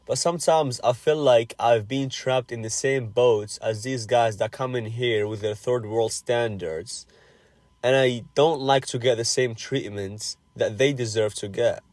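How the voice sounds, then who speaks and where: A man's voice: medium pitch, unhurried, a little mellow, dry recording. A man in his twenties from Algeria, chatting with strangers online in a blunt, curious way and swearing freely. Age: 20s. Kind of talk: casual chat.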